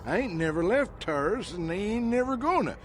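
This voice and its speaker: An actor playing a grumpy, folksy old janitor in a video game, with a rambling, stammering way of talking. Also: male voice, high voice, big pitch swings, a little fast, a little hiss or hum. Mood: folksy, reserved. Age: older.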